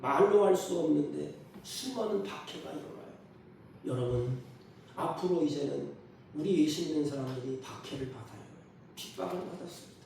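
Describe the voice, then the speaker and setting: A man's voice: on the high side, normal speed, creaky, darkish tone, slight background noise. A male pastor preaching a sermon, emphatic, often putting questions to his congregation. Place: church sanctuary. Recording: echoey hall from far off.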